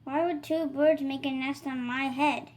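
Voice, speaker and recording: A woman's voice: sits high, fairly even intonation, measured pace. A woman voicing an anxious, exasperated elephant from a children's picture book, questioning everything in disbelief. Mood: incredulous. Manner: questioning, incredulous.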